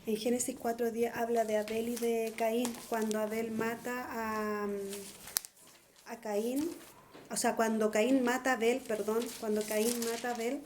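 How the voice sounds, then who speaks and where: A woman's voice: a little high, little pitch movement, measured pace, darkish tone, a little hiss or hum. A middle-aged woman giving an earnest, pleading testimonial sermon. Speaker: preacher.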